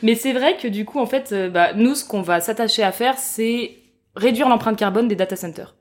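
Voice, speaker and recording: A woman's voice: fairly high pitch, normal speed. A woman talking as a guest on a podcast, chatty and hesitant, with lots of fillers, laughing easily. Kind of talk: casual podcast chat.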